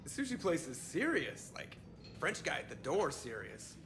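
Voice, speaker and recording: A man's voice: fairly high pitch, wildly swooping pitch, moderate pace. An actor playing a cocky male starship pilot who jokes sarcastically. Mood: joking. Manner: sarcastic, joking. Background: game music.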